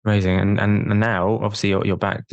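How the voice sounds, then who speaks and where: A man's voice: lowish voice, little pitch movement, a little fast, creaky, no room sound, muffled recording. A man hosting a podcast interview, who asks his questions hesitantly and repeats words as he starts. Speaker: podcast host. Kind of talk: casual interview.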